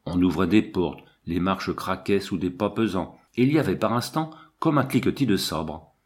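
A man's voice: low-pitched, lively intonation, normal speed, a little mellow. A man reading a first-person story aloud as an audiobook narrator. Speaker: audiobook reader.

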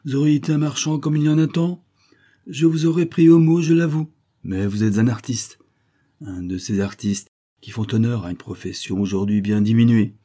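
A man doing a flattering, scheming gentleman buyer. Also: mid-range voice, moderate pace, natural voice. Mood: effusive. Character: smooth, flattering male aristocratic customer.

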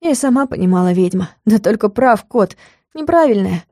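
A woman narrates a fantasy audiobook with a lively storytelling manner, ready to slip into character voices. Her tone is mellow and warm rather than bright. The recording is close and dry, with no room sound. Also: mid-range voice, moderate pace, no echo. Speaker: audiobook reader.

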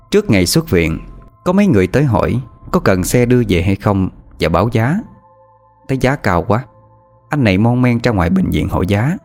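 Expressive male audiobook narrator. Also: on the low side. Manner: expressive, rising and falling delivery. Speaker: storyteller.

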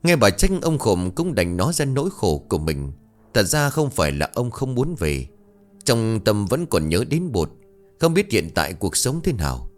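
Lively low-voiced male storyteller. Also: normal speed, faint music behind. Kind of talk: scripted narration of a folk tale.

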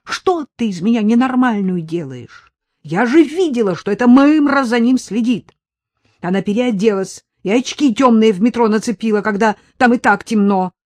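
An audiobook reader voicing a defensive, agitated wife and amateur sleuth in a loud quarrel with her husband. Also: mid-range voice, animated, moderate pace, no echo, voice pushed up, close to an everyday voice. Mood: heated. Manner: shouting, agitated. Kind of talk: audiobook character voice.

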